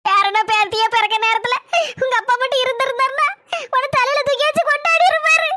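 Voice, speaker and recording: A woman's voice: very high-pitched, steady tone, quick pace, sharp tone, pitched above the performer's own voice. A woman voicing a scheming young married daughter in a Tamil cartoon, with a Kanyakumari accent and a wheedling, fake-tearful way of talking.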